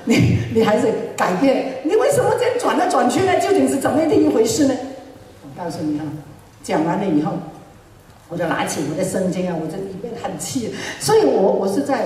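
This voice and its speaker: Animated woman preacher in an echoey hall. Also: a little high, brisk. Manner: animated, laughing storytelling. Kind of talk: testimony sermon. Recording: echoey hall, mic far off.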